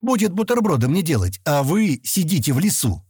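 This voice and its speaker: A man's voice: fairly high pitch, sing-song, a little fast, a little mellow, husky, no echo, clean studio sound, pitched above the performer's own voice, heavily acted. A man reading an audiobook, voicing an impatient young man who grumbles and scolds his companions. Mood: grumbling. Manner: grumbling, exasperated.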